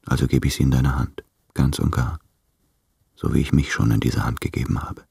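A man's voice: very deep voice, fairly even intonation, normal speed, creaky, a little mellow, slightly rough, no echo, studio quality, full character voice. An actor playing an anxious, brooding man in love in a radio play, speaking in a subdued, introspective way. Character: anxious, brooding male letter writer in love.

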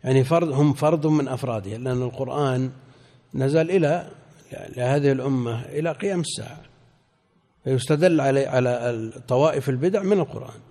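An older man teaching a scholarly lesson, explaining a commentary and correcting the reader in a measured way. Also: medium pitch, warm tone. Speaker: sheikh commenting on a classical Quran commentary.

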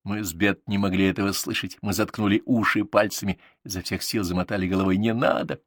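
A man narrating a story aloud in even storytelling style, close to the microphone. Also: sits low, quick pace, dry recording. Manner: even storytelling, voicing each character. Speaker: audiobook narrator. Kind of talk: audiobook narration.

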